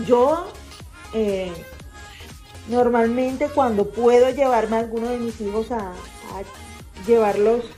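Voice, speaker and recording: A woman's voice: a little high, warm tone, rough recording. A woman, a mother, telling a family story in a casual, chatty way, repeating herself with lots of fillers. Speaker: mother vlogger.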